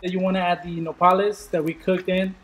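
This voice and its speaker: High-voiced man hosting a casual cooking video. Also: brisk, slight background noise, rough recording. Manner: relaxed, many ums and uhs while explaining.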